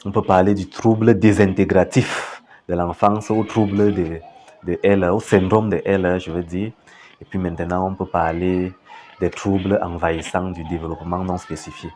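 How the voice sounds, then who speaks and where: A man, a special educator and teacher trainer, explains in a measured way in a documentary interview. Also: sits low, level tone, a little mellow, a little hiss or hum.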